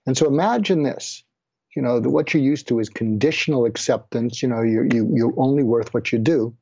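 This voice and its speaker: A man's voice: medium pitch, fairly quick, warm tone, breathy edge, no echo, lo-fi sound. An older man from the area tells his own story earnestly and reflectively as an interview guest. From Boston area, USA. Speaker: guest, physician.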